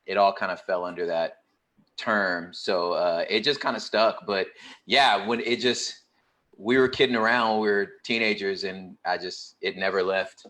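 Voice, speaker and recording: A man, a poet and hip hop artist, talking casually on a panel in a relaxed way with lots of fillers. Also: low voice, a little slow. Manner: relaxed and conversational, with many fillers and a laugh.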